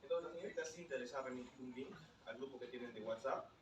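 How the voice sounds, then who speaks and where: A man's voice: mid-range voice, quick pace. A university staff man politely interrupting a training session to make an announcement. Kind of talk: making an announcement to a training group. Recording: distant mic in an echoey room with clear noise.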